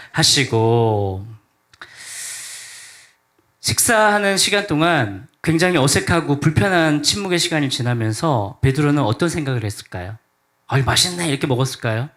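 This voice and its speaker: A man's voice: mid-range voice, fairly bright tone. A man with a Gyeongsang accent preaching a sermon as pastor, telling stories with humor and acting out the lines of the people in them. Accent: Gyeongsang Korean. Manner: humorous storytelling, acts out quotes. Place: church sanctuary during a service.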